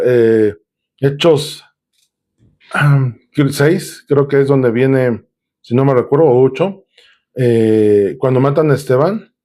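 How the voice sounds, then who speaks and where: A man's voice: mid-range voice, warm tone. A man preaching a sermon, reading Bible verses aloud and explaining them in a conversational way, with filler sounds and restarts. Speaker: pastor.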